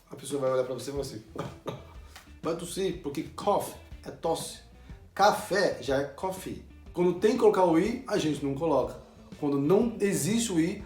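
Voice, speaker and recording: Brazilian-born male teacher, explanatory, repeats words slowly, roomy sound with faint guitar behind. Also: on the high side, darkish tone. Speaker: English teacher. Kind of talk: video lesson.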